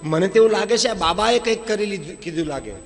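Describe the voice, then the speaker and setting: Man voicing an anxious, confiding maidservant, high voice in a hall with faint music. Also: quick pace. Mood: hushed. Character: anxious female servant, whispering reports.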